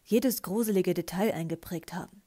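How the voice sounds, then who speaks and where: A woman's voice: lowish voice, moderate pace, dark tone, lightly acted. A woman voicing a young man who speaks in a soothing, hypnotic tone.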